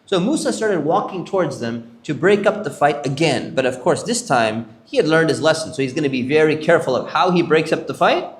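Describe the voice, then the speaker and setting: A man's voice: on the high side, expressive, fairly quick, hardly any pauses, echoey room. A sheikh telling prophet stories to a congregation, acting out the characters' lines as he goes. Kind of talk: storytelling lecture. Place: Islamic center hall.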